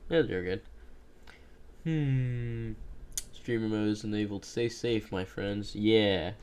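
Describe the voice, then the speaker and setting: A teenage girl co-hosting a podcast over an online call, joking around with sudden loud bits. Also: rumbling low, slow pace, clean tone. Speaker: podcast co-host. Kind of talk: casual chat.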